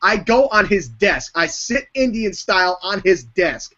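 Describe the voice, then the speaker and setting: A man hosting a podcast, chatting casually and telling animated stories with plenty of swearing. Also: sits high, a little slow. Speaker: podcast host. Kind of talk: casual chat. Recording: dull lo-fi sound.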